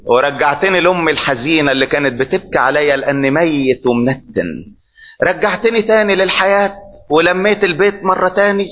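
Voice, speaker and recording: A man with an Egyptian accent voicing a young man raised from death who gives hushed, low-voiced thanks. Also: animated, a little fast. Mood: grateful. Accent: Egyptian Arabic. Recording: dull lo-fi recording.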